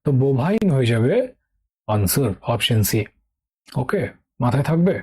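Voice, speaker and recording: A man's voice: medium pitch, lively intonation, moderate pace, darkish tone, slightly rough. A middle-aged man teaching English vocabulary for exam prep in an online lesson, speaking with a Bengali accent. He is patient and repeats key words, often checking with "ঠিক আছে?".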